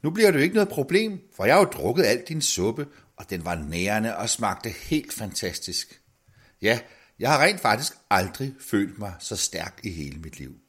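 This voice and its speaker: A man's voice: on the low side, big pitch swings, a bit bright, breathy edge, heavily acted. A man voicing a middle-aged, hungry storybook man who pleads, his voice climbing when frightened. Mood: cheerful. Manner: pleading, voice rising in panic.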